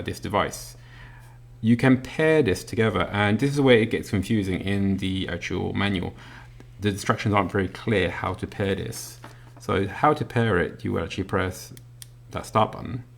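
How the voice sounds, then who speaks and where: Indoors at a work desk, a product reviewer walks through an item hands-on in a casual way. His voice is very low with noticeable vocal fry, and his unscripted explanations come out somewhat halting, with a little hiss or hum audible.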